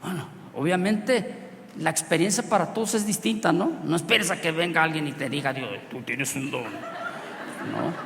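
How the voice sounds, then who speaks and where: Gravelly Mexican preacher in echoing hall. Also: male voice, fairly high pitch, normal speed. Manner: animated, swings from loud outbursts to quiet asides, laughs often. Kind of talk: storytelling sermon. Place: church hall with long reverb. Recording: reverberant hall, faint background noise.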